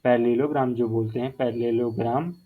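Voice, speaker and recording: A man's voice: medium pitch, fairly even intonation, a little fast. A male math teacher explaining a whiteboard lesson step by step, repeating key terms and mixing in English phrases. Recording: phone-like narrow sound.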